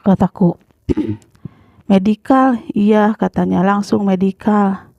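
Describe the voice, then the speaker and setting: An Indonesian woman telling her own story casually, halting with many fillers and frequent throat clearing. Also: mid-range voice, dark tone, dry recording. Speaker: former migrant worker telling her story. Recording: dull lo-fi sound.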